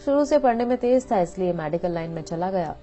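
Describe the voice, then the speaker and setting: A woman's voice: lowish voice, lively intonation, brisk, mellow, natural voice. A woman voicing a friendly young male med student. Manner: chatty, teasing, then earnest. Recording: dull lo-fi audio with faint music.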